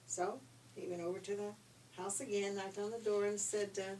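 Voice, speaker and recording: Speaking to children in a relaxed, folksy, conversational style, the older storyteller uses a medium pitch, level tone and moderate pace, sounding a little mellow. The mic is distant and faint noise can be heard.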